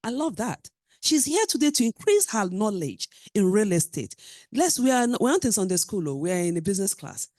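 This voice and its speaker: A Nigerian woman presenting a real estate seminar to a live audience, animated and preacher-like, with call-and-response questions to the room. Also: medium pitch, brisk, no echo, clean studio sound. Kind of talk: business seminar talk.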